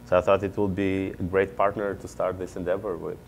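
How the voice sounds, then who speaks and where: A young man speaks in a very deep, low voice. He answers interview questions earnestly and explains things step by step, pausing now and then on fillers. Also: little pitch movement, vocal fry, a little hiss or hum. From Israel. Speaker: MBA student and startup founder.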